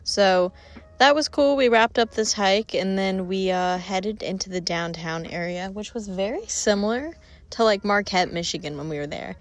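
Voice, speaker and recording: A woman's voice: mid-range voice, normal speed, soft background music. A woman narrating her travel vlog in a chatty, upbeat voice-over. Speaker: travel vlogger.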